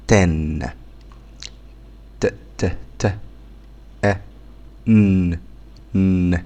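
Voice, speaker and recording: Very deep-voiced Egyptian man teaching phonics. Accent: Egyptian Arabic. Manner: sounds out letters slowly and repeats words. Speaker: English teacher. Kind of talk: phonics lesson for beginners.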